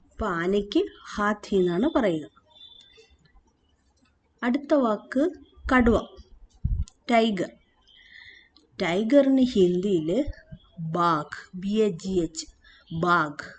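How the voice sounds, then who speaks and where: Slow, patient woman teaching vocabulary. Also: mid-range voice, a little mellow, slight background noise. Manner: slow, repeats and spells out words; hesitant fillers and self-corrections. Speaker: language teacher. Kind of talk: spoken language lesson.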